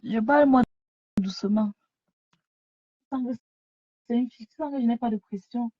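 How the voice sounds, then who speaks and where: A fairly high, slightly rough female voice at normal speed rants and scolds through a live stream, repeating herself to viewers. She is lying down at home with the phone set down in front of her. The sound is dry, dull, lo-fi phone audio.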